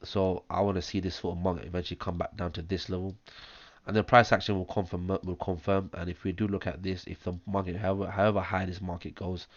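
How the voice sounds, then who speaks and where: Hoarse low-voiced man talking through charts. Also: flat delivery, fast, no echo, muffled recording. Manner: talks step by step through wave counts, many ums. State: hoarse, chesty cough. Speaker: trading analyst. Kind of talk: screen-share chart analysis. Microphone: close mic, audible breathing.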